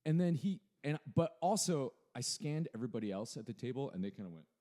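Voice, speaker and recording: A man's voice: mid-range voice, sing-song, fast talker. A man hosting a podcast, a piano performer telling stories with hesitant restarts. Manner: storytelling, hesitant restarts, quiet when serious. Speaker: podcast host and dueling pianist. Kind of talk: casual podcast interview.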